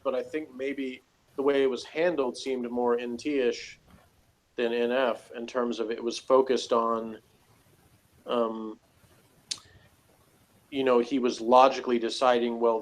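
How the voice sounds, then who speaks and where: A man co-hosting a TV series review talks casually and analytically, hesitating and rambling as he works out his points. His voice is medium in pitch with little movement, a little slow, and the recording quality is low.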